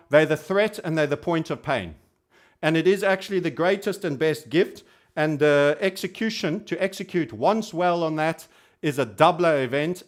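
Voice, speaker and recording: This YouTube trading host is a man with a voice on the high side. In his informal online commentary on trading, he hammers points home by repeating phrases and uses a cheeky, colourful turn of phrase.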